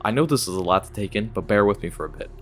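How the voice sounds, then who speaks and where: Deep-voiced man narrating a game retrospective. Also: animated, rapid-fire, a little hiss or hum. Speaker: gaming video host.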